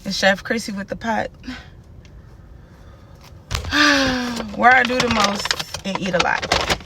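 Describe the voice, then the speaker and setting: A woman's voice: fairly high pitch, slow, noisy background. A woman food vlogger chatting casually and expressively to camera in slangy, playful speech from inside a car. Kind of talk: casual mukbang chat to camera. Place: inside a car parked on a busy city street.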